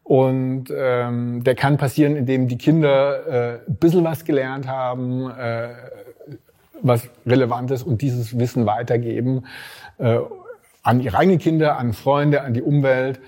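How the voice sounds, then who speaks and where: A man's voice: medium pitch, fairly even intonation, measured pace, warm tone. A man from Swabia, a startup investor talking casually as an interview guest, hesitant with many fillers. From Swabia, Germany.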